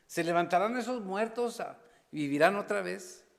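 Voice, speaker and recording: A man preaching as a pastor, passionate, rising to loud appeals and dropping to hushed asides. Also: high voice, lively intonation, normal speed, creaky. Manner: impassioned, swings between loud exhortation and hushed asides; slips briefly into English phrases. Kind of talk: sermon. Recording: long church reverb.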